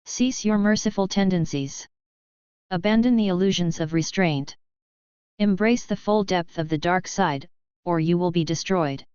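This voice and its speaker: A woman voicing a cold, commanding armored dark lord in a fan-fiction audio story, in a calm, assured manner. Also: fairly low pitch, measured pace, smooth, no echo, lightly acted. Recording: slightly dull, dry recording.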